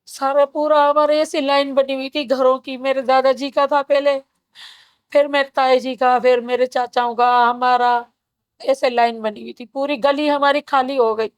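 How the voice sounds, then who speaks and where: Grave, smooth-voiced woman in her fifties. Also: sits high, dry recording. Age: 50s. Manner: grave, steady retelling in short phrases. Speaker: survivor interviewee. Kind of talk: personal testimony in an interview.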